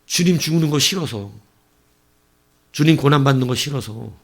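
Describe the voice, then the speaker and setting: Man, pastor preaching a sermon, raspy fry in the voice, dramatic acted-out quotes. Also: mid-range voice, moderate pace. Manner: animated storytelling, acts out quoted lines with sudden loud outbursts.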